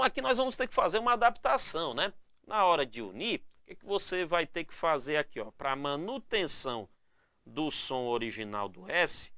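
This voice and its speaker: Animated, bright-voiced male teacher. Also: a little high, no room sound. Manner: energetic, calls the viewers "galera" and "moçada", ends phrases with "né?" and "tá?"; stretches out key words slowly to stress them. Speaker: Portuguese grammar teacher. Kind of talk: lively spelling lesson to camera.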